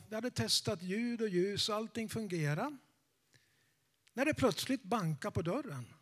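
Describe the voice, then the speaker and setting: Brief: male evangelist, high voice, playful sermon style, talks straight to the congregation. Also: a bit bright. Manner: jokey, chatty, checks in with the audience. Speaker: evangelist preacher.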